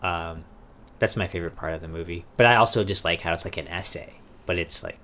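A man's voice: low-pitched, quick pace, pushed and bright. A man co-hosting a casual movie podcast, hesitant, trailing off and filling with "like" and "I don't know". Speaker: podcast co-host. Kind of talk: casual film chat.

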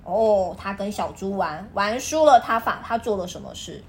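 A woman's voice: mid-range voice, normal speed, creaky. A woman reading aloud to a toddler, expressively explaining and asking simple questions in a teacherly way. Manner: expressive, questioning, teacherly way of talking to a small child. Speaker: parent reading a picture book with a child.

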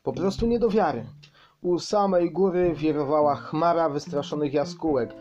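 A man reading a children's story aloud in a calm, measured way. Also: on the high side, muffled recording, faint music behind. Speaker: audiobook narrator.

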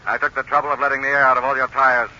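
An actor playing a mysterious male avenger who taunts a criminal in a 1940s radio drama, slow and deliberate, with a mocking laugh. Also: mid-range voice, little pitch movement, bright, forceful tone. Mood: taunting. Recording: dull old radio broadcast with hiss.

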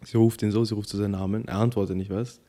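A man's voice: fairly low pitch, fairly even intonation, quick pace, dark tone. A young man co-hosting a podcast, telling stories in slangy, rambling casual chat. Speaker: podcast co-host.

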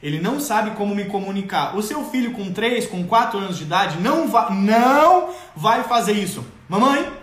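A man giving an expressive, theatrical talk on parenting and children's emotions, addressing mothers directly. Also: high-pitched, moderate pace. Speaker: parenting educator. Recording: roomy echo.

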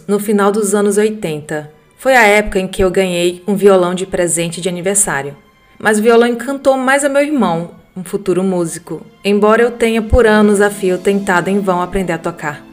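A woman with a Brazilian Portuguese accent, reading listener-sent ghost stories aloud as a podcast narrator in a calm, steady storytelling manner. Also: mid-range voice. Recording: faint music bed behind the voice.

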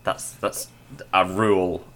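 A man's voice: deep voice, little pitch movement, slow pace, fairly bright tone, slight background noise. A man co-hosting a casual music review podcast, reasoning things through with frequent ums. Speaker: podcast co-host.

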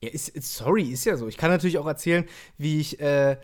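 A young man hosting a casual talk show, telling stories in a relaxed way with blunt, crude jokes. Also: a little high, fast. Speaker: podcast host and YouTuber. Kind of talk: casual chat.

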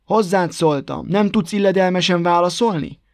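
Male reader as a fussy storybook hare, courteous gone cross, a touch higher, dry close sound. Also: no echo. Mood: indignant. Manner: stiffly polite, then scolding. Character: prim, touchy male hare, quick to anger.

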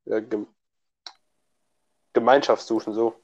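A man's voice: lowish voice, steady tone, slow pace, highs cut off. A young man, a student, in casual chat, slangy and laughing often, with many restarts. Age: young adult.

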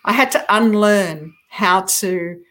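A woman's voice: mid-range voice, slow, fairly bright tone. Middle-aged woman, author guest, reflective interview talk, self-deprecating, restarts often.

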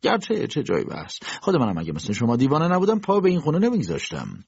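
A man's voice: medium pitch, wildly swooping pitch, vocal fry, darkish tone, breathy edge, no room sound, lo-fi sound, pitched above the performer's own voice, full character voice. A man voicing a sardonic older bachelor doctor who lectures mockingly, in an audiobook reading.

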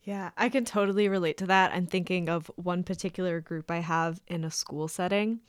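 A woman's voice: lowish voice, fairly even intonation, brisk, smooth. A woman hosting a podcast, asking friendly, curious questions and sharing her own work as a music therapist. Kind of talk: casual podcast interview.

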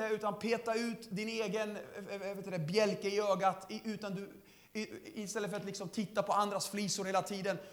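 A young man giving a lively testimony sermon, laughing often and calling out to the congregation. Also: extremely high pitch. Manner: lively storytelling, laughing often, shouts to the crowd. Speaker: preacher.

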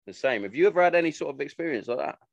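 A man's voice: a little high, lively intonation, rapid-fire, gravelly, no room sound. A man hosting a podcast, chatting informally in a blunt, sweary way. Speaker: podcast host. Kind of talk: casual chat.

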